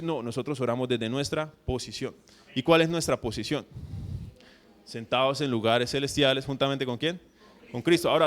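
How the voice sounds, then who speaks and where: Man, pastor, sermon, slightly high voice, chatty preaching, checks in with the audience. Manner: acts out mock prayers in a put-on voice.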